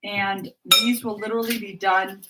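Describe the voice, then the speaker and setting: A middle-aged woman cooks in her home kitchen and keeps up a casual live chat with her viewers. She speaks at a normal pace in a medium, level voice. The clip is very noisy, filled with the clatter of dishes and pans.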